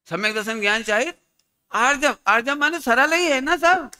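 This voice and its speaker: Bright, high-voiced male preacher. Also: lively intonation, moderate pace, clean tone. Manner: teacherly, quizzing listeners. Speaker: Jain pandit, preacher. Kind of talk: sermon.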